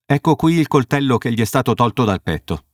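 A man's voice: mid-range voice, lively intonation, fairly quick, no echo, clean studio sound, voice pushed up, natural voice. Whiny country-house owner, plaintive and awkward, raised voice from a man narrating, storybook.

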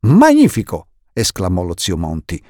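A man narrating an audiobook in an expressive, wry storytelling manner, recorded close to the mic. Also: fairly low pitch, moderate pace, dry recording.

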